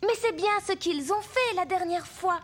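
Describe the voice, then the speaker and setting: High-voiced young princess Pocahontas. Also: female voice, moderate pace, a bit bright. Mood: worried, questioning. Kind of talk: French animated film dubbing. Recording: music behind the voice.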